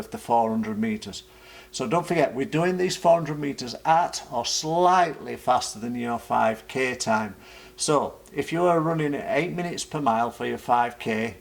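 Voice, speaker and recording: A British man giving an informal vlog explanation as a running coach, speaking haltingly and often repeating words. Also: mid-range voice, gravelly.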